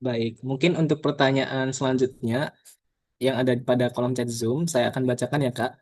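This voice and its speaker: A man's voice: mid-range voice, fairly even intonation, normal speed, darkish tone, no echo. A man moderating a webinar over a video call, politely inviting questions and passing them on. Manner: polite, reads questions aloud. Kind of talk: formal moderating.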